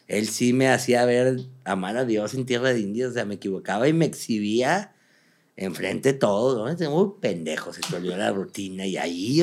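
A young man with a Mexican accent tells stories in a loose, slangy interview chat. He talks quickly and with a lot of energy. His voice sits at an ordinary middle pitch for a man. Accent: Mexican Spanish. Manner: fast-talking, animated storyteller, slangy. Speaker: comedian guest.

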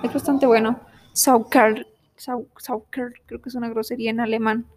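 A young woman talks to herself in a casual vlog, slowly and haltingly sounding out German and English words as she studies. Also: a little high, level tone. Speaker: vlogger. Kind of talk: casual self-talk while studying languages.

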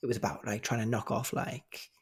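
A man's voice: mid-range voice, little pitch movement, a little fast, husky. A man hosting a podcast, asking long rambling questions full of fillers and restarts. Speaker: podcast host. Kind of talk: casual interview questioning.

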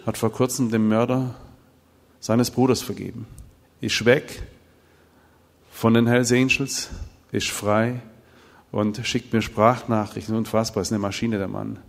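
A man's voice: fairly low pitch, measured pace, vocal fry, long pauses. A middle-aged man preaching and telling stories, acting out the dialogue of the people in them. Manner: animated storytelling, acting out dialogue. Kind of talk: sermon with told stories. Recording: hall with long reverb.

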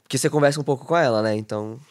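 A man talking as a podcast guest in a relaxed, casual way, full of fillers. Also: medium pitch, rapid-fire. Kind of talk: casual conversation.

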